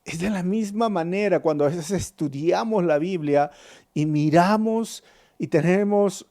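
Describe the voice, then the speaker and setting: Man, pastor, earnest Bible teaching, gravelly, warm dark tone. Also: high-pitched, measured pace. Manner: earnest, storytelling, addresses listeners as brothers.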